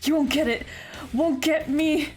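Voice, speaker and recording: A woman voicing a nerdy, frightened young male student who stammers and rises into shouting in a visual novel. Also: high-pitched, unhurried, faint music behind, voice pushed up. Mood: hysterical.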